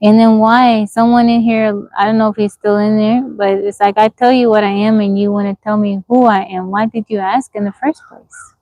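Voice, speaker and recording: Here a forties-aged woman runs an informal livestream among the trees, frankly responding to comments from viewers while posing questions and repeating herself. She speaks at normal speed in a flat, medium-pitched, somewhat dark voice with hardly any pauses. There's no room sound, but the recording is rough.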